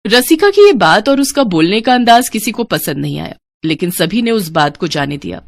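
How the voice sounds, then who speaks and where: A woman's voice: mid-range voice, big pitch swings, moderate pace, no room sound. Woman narrating a cartoon story, dry. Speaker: narrator and voice of female figures.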